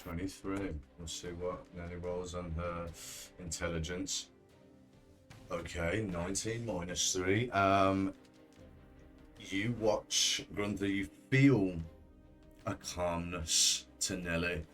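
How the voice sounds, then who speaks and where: A man acting as game master, narrating a tabletop role-play game in halting, searching descriptions. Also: low voice, fairly even intonation, fairly bright tone, faint music behind.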